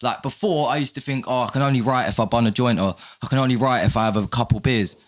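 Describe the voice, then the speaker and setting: As a podcast guest, a man with an urban London roadman accent and slang chats candidly and casually, often repeating his words. His voice is mid-range and his pace quick.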